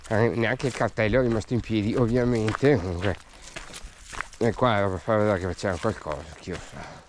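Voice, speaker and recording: A man's voice: fairly low pitch, normal speed, background noise. A man with a Venetian Italian accent giving casual, colloquial commentary as he guides viewers around an outdoor site, with regional dialect expressions. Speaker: urban explorer vlogger and guide. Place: outdoors in windy hills and abandoned ruins.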